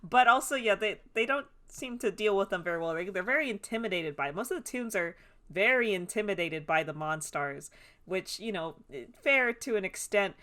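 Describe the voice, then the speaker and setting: A woman's voice: medium pitch, animated, brisk, a bit bright. Giggly rambling woman podcast host. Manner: giggly, rambling with many fillers. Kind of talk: casual chat.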